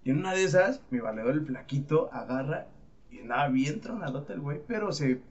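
A man's voice: a little high, lively intonation, a little fast. A man with a Mexican accent, hosting a podcast and telling stories in slangy casual chat while laughing often. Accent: Mexican Spanish. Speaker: podcast host. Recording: slightly muffled with faint noise.

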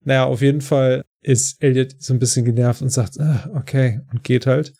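A man's voice: mid-range voice, steady tone, moderate pace, dark tone. A man co-hosting a podcast, casually retelling a TV episode in a loose, rambling way full of fillers. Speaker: podcast co-host recapping a TV episode. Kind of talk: casual chat.

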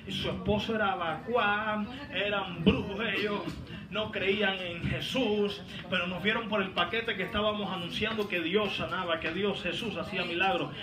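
A man preaching a sermon as pastor, fervent, with sudden shouts and teasing asides. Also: sits high. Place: large hall, voice heard from a distance. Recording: echoey hall, distant mic, background noise.

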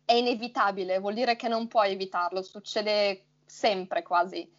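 A woman's voice: mid-range voice, steady tone, moderate pace, lo-fi sound. A young woman with a fairly neutral northern Italian accent, chatting casually and explaining things by rephrasing them. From Friuli Venezia Giulia, north-east Italy. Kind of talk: casual chat about languages.

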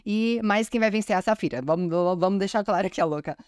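A woman's voice: medium pitch, fast talker, a little mellow, no room sound, clean studio sound. A woman from Brazil hosting a podcast, chatting enthusiastically and often calling out to her listeners. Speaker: podcast host. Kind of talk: casual podcast commentary.

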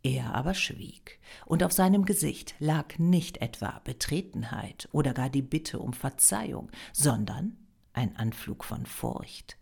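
A woman narrating a novel as an audiobook, expressive and dropping to a whisper in tense passages. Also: extremely low pitch, a little slow, vocal fry, husky.

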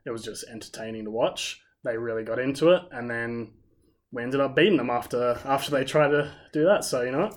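A man's voice: mid-range voice, fairly quick. A man co-hosting a podcast, chatty and enthusiastic in casual talk. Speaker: podcast co-host. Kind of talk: casual chat.

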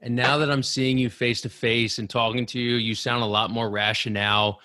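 Teasing podcast host, dry sound. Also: male voice, medium pitch, flat delivery, normal speed, sharp tone, dry recording. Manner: teasing, joking. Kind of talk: casual chat.

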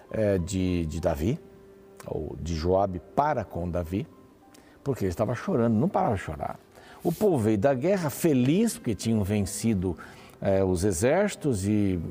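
Animated man teaching a Bible study. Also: mid-range voice, slightly rough. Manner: animated, reads verses aloud and comments.

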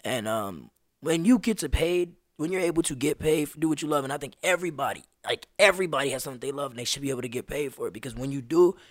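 Young man, twenties, slangy animated storyteller, mid-pitched voice, dry close sound. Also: fast talker, no room sound. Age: 20s. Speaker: podcast guest, street performer. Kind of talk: casual conversation.

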